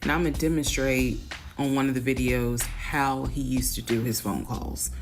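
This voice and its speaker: A woman's voice: very deep voice, fairly even intonation, moderate pace, over music. A woman candidly telling a personal story in a wry, conversational way. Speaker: storyteller in a played clip.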